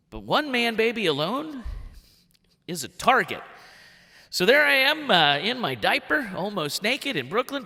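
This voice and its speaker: Bright-voiced man in his forties telling a comic story. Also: high-pitched. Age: 40s. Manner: animated, jumps into big voices for quotes. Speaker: workshop storyteller. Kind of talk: live comic personal storytelling. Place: stage in a theatre hall. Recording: long hall reverb.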